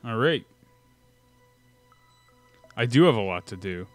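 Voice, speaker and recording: A man's voice: medium pitch, lively intonation, slow. A man giving casual commentary while he plays a video game. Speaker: game streamer. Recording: faint game music behind.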